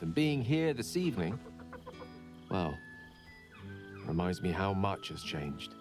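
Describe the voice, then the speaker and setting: An actor playing Gale, an eloquent, warm male wizard turned academic, speaking in an articulate, gently wry manner. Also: on the low side. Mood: reflective. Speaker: game character. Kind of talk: video game voice acting. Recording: game audio with clear music behind. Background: music.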